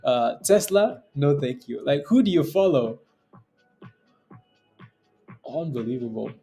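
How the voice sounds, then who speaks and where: A day-trading livestream host talks slowly in a mellow, medium-pitched voice with lively intonation, soft music behind him. His casual stream has a slangy finance-bro style, blunt and exasperated, and he often repeats himself for emphasis.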